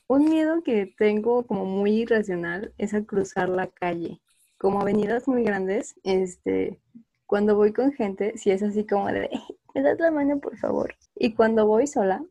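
A young woman shares her fears in a soft-spoken, self-deprecating way. Her voice is mid-pitched and mellow. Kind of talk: casual chat among friends.

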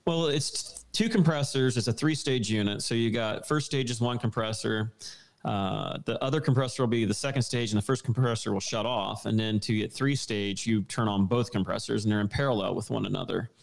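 A man's voice: fairly low pitch, a little fast, creaky. A man talking casually as a podcast guest, explaining refrigeration repairs at length with many fillers. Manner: technical, rambling explanations with fillers. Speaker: guest HVAC technician.

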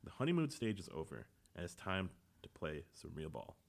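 A man co-hosting a casual sports podcast, relaxed, reading out quotes and chuckling. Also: low voice, fairly quick, gravelly. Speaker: podcast co-host.

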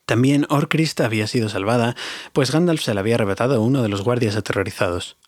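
A man narrates a fantasy tale, now and then turning to speak straight to his listeners. His voice sits at a middle pitch and sounds dry and close to the mic. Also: quick pace, slightly rough, no echo. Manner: warm, confiding, addresses listeners directly. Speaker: audiobook reader. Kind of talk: storytelling narration.

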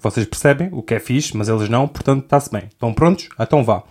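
A man's voice: mid-range voice, lively intonation, quick pace, a little mellow, slightly rough. A young man with a European Portuguese accent, hosting a podcast in a rambling, self-interrupting comic monologue and laughing often. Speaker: podcast host. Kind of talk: casual comedic monologue.

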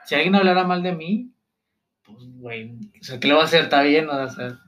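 A man's voice: a little high, a little fast, a bit bright. A young man with a Mexican accent in casual chat, joking and asking questions. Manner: joking, curious, asks questions.

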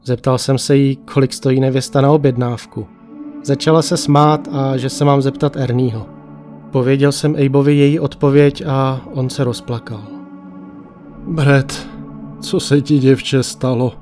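Male narrator, mellow and measured, reading a ghost story over quiet music. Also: mid-range voice, steady tone. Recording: faint music behind.

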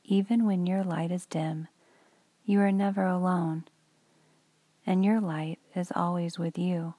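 A woman guiding a meditation for children in a soft, breathy, whispery voice. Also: lowish voice, level tone, no echo. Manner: soft whispery delivery, slow and soothing. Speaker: meditation guide.

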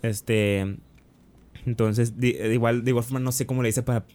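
A young man with a Mexican Spanish accent tells a long personal story in relaxed conversation. His voice sits in a middle register, and his talk is loose and slangy, with frequent restarts. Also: medium pitch, moderate pace. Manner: slangy, peppers speech with "güey", restarts often. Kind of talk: casual storytelling chat.

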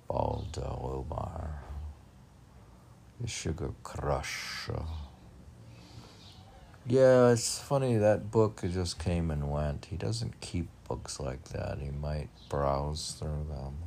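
A man reading his own poetry speaks at an extremely low pitch with vocal fry and a slightly mellow tone, and a little hiss or hum is audible. He comments in relaxed, rambling asides, frequently questioning himself as though alone.

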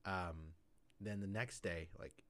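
Very deep-voiced man telling a rambling story. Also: takes it slowly, a bit bright. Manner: rambling, filler-heavy storytelling with lots of "like". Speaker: podcast co-host. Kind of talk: casual storytelling chat.

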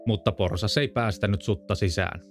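Man calmly reading a fairy tale. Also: fairly low pitch, soft background music. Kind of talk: storybook narration.

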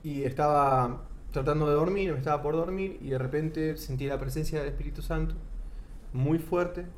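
In an echoey room with a bit of background noise, a young guest with an Argentine accent recounts his faith story in an informal interview. His voice is a little high and darkish, his pace moderate, and he earnestly restarts sentences as he hunts for the right words.

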